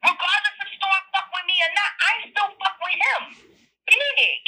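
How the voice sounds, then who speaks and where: A woman's voice comes through a phone line, pitched high with a sharp, bright edge. She talks bluntly and swears freely, circling back to the same points as she presses them home. It sounds like a heated recorded phone conversation. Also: normal speed. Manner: blunt, profane, repeats herself for emphasis. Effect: heard over a phone line. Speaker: caller. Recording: phone call audio.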